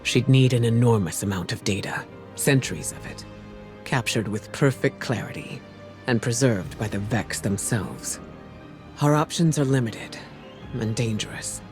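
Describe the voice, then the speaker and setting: An actor playing a grave male mentor figure who speaks in a measured, solemn way. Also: mid-range voice, music in the background, close to an everyday voice.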